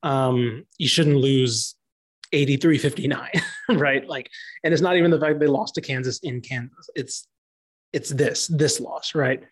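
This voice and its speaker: A man co-hosting a casual sports podcast, thinking aloud with many pauses and fillers. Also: medium pitch.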